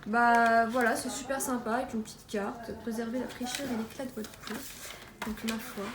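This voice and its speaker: A young woman with a slightly high voice chats casually through a beauty haul, full of fillers and trailing restarts. She is recorded at home in an echoey room with a steady noise behind her. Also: normal speed. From France. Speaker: beauty vlogger.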